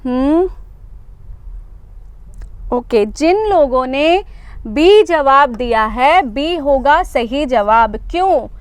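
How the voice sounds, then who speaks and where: A young woman leads a live online exam-prep class in a very high voice. She explains patiently, repeats key points and keeps asking the viewers to confirm. The sound is dry and close. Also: expressive, drawn-out words, long pauses, dry recording. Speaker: teacher.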